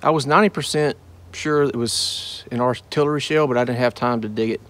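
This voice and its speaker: This relic-hunting vlogger has a medium-pitched, fairly bright voice and a brisk pace. He chats casually and earnestly, with a devout tone, to his audience while digging outdoors in woods or fields.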